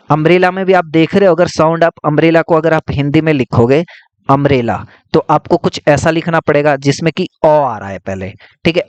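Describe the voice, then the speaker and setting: A man gives a patient grammar lesson in a fairly high voice, recorded close and dry with no room sound. He works through examples step by step. He keeps putting questions to the class and answering them himself as he writes. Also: no room sound. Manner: explains step by step, often asks and answers his own questions; writes on a board while talking. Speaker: English teacher.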